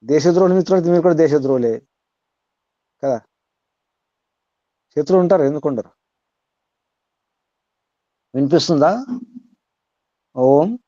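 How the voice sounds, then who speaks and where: A man leads a class, and his voice is mellow and dark, a little higher than most. He keeps putting pointed questions to his listeners and recites verses slowly. The audio is dry and dull. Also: expressive, dry recording. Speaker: spiritual teacher. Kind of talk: teaching over an online call.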